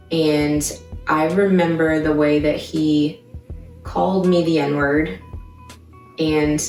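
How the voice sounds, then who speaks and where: Low-voiced woman in her twenties, off-mic. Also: recorded from a distance. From Baltimore, Maryland. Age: 20s. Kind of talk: personal testimony to camera. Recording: echoey room, voice from off-mic, soft music behind.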